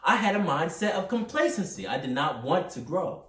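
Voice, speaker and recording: A young man hosting a podcast, talking through a personal motivational monologue in an energetic, rambling, self-reflective way. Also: fairly high pitch, normal speed. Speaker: podcast host. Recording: roomy echo, mic at a distance.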